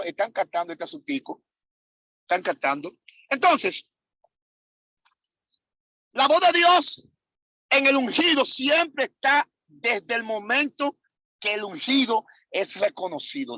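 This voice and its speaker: A man's voice: extremely high pitch, big pitch swings, unhurried, long pauses, pushed and bright, no echo, poor audio. A man teaching a ministry class as an apostle, preaching emphatically, repeating key phrases and firing rhetorical questions at his listeners. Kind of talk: preaching lesson.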